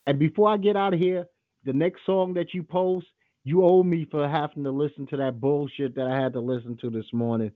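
A man's voice: on the high side, steady tone, brisk, no echo, phone-quality sound. A man hosting a call-in show, talking in a blunt, profane and opinionated way. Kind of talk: casual call-in radio talk.

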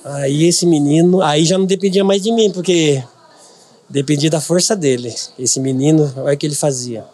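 A man's voice: a little high, normal speed, a little mellow. A middle-aged man from Brazil, a podcast guest, telling a personal story earnestly and repeating words for emphasis.

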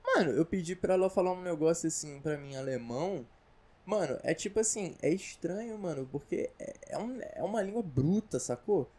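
A man's voice: fairly high pitch, animated, moderate pace, darkish tone. A Brazilian man rambling through a comedic casual monologue, slangy and full of asides. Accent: Brazilian Portuguese. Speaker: vlogger.

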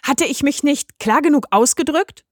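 A woman voicing Mechthild, a temperamental queen who keeps the fairy tales, in a storybook reading with a sharp, scolding delivery. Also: a little high, lively intonation, normal speed, no echo, clean studio sound, close to an everyday voice.

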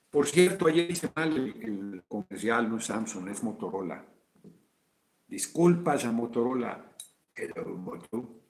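A man's voice: fairly low pitch, vocal fry, slight background noise. A Mexican man hosting a casual video chat, rambling through political commentary with informal, profane asides.

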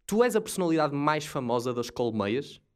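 A man's voice: fairly high pitch, very animated, normal speed, clean tone. A man with a European Portuguese accent hosting a podcast in a casual, teasing, comic way. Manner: teasing, joking. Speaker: podcast host.

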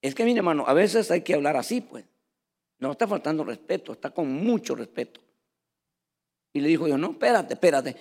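A man preaching a sermon in a lively way, often calling his listeners "brother". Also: a little high, a little fast, pauses often.

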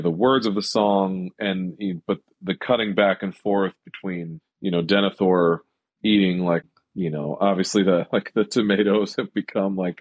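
A man's voice: low voice, a little mellow, dry recording. A man co-hosting a podcast, talking about a film in casual chat and rambling with lots of fillers. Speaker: podcast co-host.

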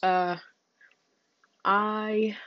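A teenage girl hosts her own podcast in a loose, rambling chat. She talks fast, runs her words together and jumps between topics, peppering everything with slang. The recording is dry and a bit muffled. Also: mid-range voice, little pitch movement, no echo. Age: teens. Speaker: podcast host. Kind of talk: casual solo chat.

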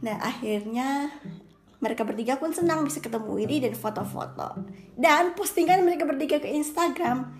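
A woman's voice: high-pitched, moderate pace. A young woman telling a story in a chatty, rambling way, often correcting herself. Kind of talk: casual storytelling. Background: background music.

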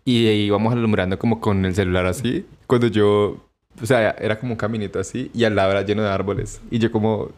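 A man's voice: lowish voice, fairly even intonation, fast talker, a little mellow. A young man with a Colombian accent telling stories in a casual podcast chat, laughing often and acting out quotes. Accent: Colombian Spanish. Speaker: podcast co-host.

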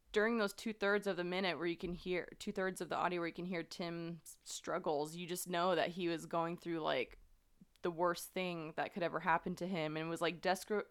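A woman with a low, smooth voice hosts a podcast, recounting a true-crime story in a casual, earnest way. Her speech is conversational and full of fillers.

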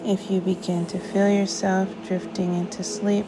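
A woman guides a sleep meditation like a sleep story narrator, soothing and unhurried, with long pauses between short phrases. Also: mid-range voice, level tone, noisy background. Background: music.

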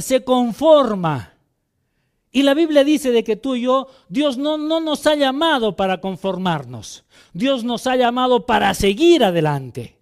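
Male pastor preaching, really high voice, fired up, keeps repeating himself. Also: clean tone. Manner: fervent preaching with repetitions and anecdotes. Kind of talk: sermon.

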